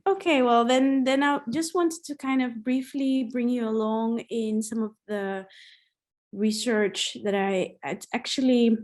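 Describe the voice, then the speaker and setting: A woman's voice: on the high side, fairly even intonation, a little slow, a little mellow. A woman researcher from the Somali diaspora, raised in the Netherlands, giving an online talk partly read from notes, speaking hesitantly with many fillers. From Somali diaspora, born in Egypt, raised in the Netherlands. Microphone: video call.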